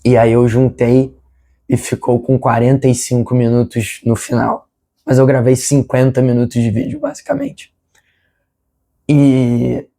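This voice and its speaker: Brazilian male vlogger, mellow but hoarse smoker's rasp, stuffed nose, mid-pitched, chatty and apologetic. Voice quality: congested, nasal. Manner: apologetic, rambling. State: hoarse, strained sore throat with throat clearing. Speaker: football fan channel host. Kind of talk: casual news vlog. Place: his room at home.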